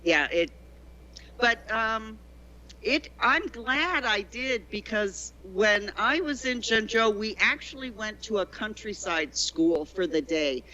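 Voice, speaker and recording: A chatty woman guest with a bright, forceful voice, telling rambling stories full of restarts and asides. Her audio is dull and lo-fi. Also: mid-range voice. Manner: chatty, digressive storyteller with many restarts. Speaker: guest, former teacher in China. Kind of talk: conversational interview.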